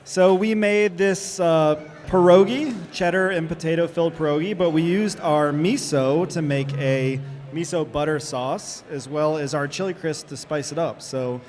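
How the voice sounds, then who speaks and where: A man from the Cincinnati area talks casually about food in a slightly high voice. He is relaxed and a little halting, with small pauses and restarts. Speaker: guest chef. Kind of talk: casual product talk.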